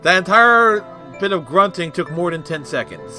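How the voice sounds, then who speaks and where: A man plays through a game and cracks sarcastic jokes as he goes. His voice is high for a man and forceful, swinging up and down in pitch, with faint music behind him. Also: big pitch swings, moderate pace. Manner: wisecracking, sarcastic. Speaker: let's play commentator. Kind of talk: joking game commentary.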